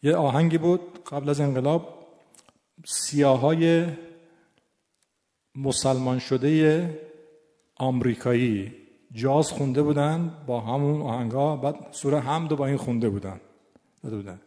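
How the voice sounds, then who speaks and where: Man, middle-aged, recitation teacher, chants and counts syllables, mellow voice, long hall echo. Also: mid-range voice, long pauses. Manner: breaks words into syllables and chants verses aloud. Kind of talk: classroom lesson with chanted recitation.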